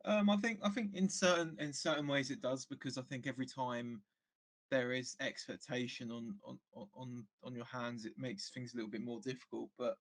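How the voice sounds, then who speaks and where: A man's voice: medium pitch, steady tone, fairly quick. A man guesting on a football podcast as a fan, speaking in casual chat with frequent restarts. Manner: hesitant, many restarts and fillers.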